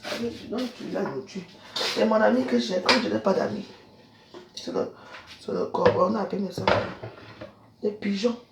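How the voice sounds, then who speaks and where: A woman in her fifties from Cameroon, ranting straight at the camera and scolding someone. She swings between loud outbursts and low muttering, and her voice rings in an echoey room. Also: expressive, moderate pace, heavy background noise. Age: 50s. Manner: scolding, accusatory, shifts from shouting to quiet. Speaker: social media vlogger. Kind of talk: angry personal rant to camera.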